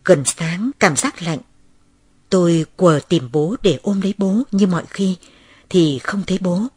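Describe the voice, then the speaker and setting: A woman narrating a first-person memoir in a calm, measured storytelling voice. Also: fairly low pitch, breathy edge, no echo.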